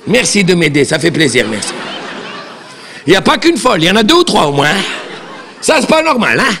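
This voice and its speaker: A man's voice: high-pitched, wildly swooping pitch, brisk, bright, forceful tone, some chatter behind, heavily acted. A man playing a chatty, bossy elderly grandmother on stage, repeating words and scolding the audience. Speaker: comic stage character. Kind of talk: live stand-up character comedy. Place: theatre stage.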